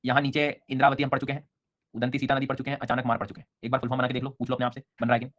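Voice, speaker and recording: A man teaching an online exam-prep class in speech, energetic and coaxing, with frequent repeated memory drills. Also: medium pitch, racing, highs cut off.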